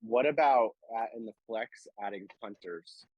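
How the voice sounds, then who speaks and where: A man chatting casually on a podcast, halting and trailing off as he pitches ideas. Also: breathy edge, no room sound, lo-fi sound.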